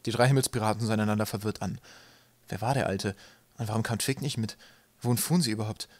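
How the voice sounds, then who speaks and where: A man reading an audiobook aloud in a calm, even storytelling voice. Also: lowish voice, fast, dry recording. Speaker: audiobook narrator.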